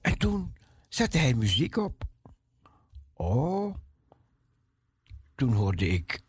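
A man giving a personal testimony as an animated story. He repeats words for emphasis and acts out the voices of the people he met. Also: mid-range voice, drawn-out words, a little hiss or hum.

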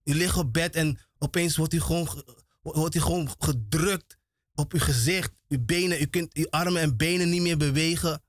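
A man gives a radio sermon in a fairly high voice. He talks emphatically and repeats himself, stumbling and restarting words as he goes. The sound is dry and close, with no room around it. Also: moderate pace, no room sound. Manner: emphatic, repetitive, with frequent restarts. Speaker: radio preacher.

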